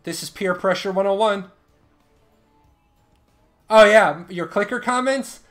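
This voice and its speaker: A man's voice: sits high, unhurried, a bit bright, soft background music. A man in his thirties hosting a live stream, chatting casually and joking with viewers while running giveaways. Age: 30s. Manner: joking, banters with chat.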